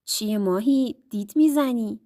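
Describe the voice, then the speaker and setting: A woman's voice: on the high side, warm tone, natural voice. A woman voicing a teasing young husband. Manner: teasing, mocking. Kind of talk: storytelling.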